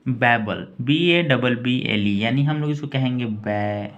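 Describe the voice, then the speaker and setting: A man teaching English pronunciation, spelling each word letter by letter and repeating it slowly. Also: mid-range voice, fairly bright tone, dull audio. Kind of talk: slow pronunciation lesson.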